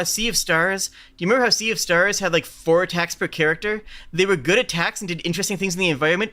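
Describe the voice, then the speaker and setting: A man's voice: fairly high pitch, fairly bright tone. A man streaming live reaction commentary on games, explaining his analysis emphatically with rhetorical questions and imagined quotes. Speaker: streamer reacting to game announcements.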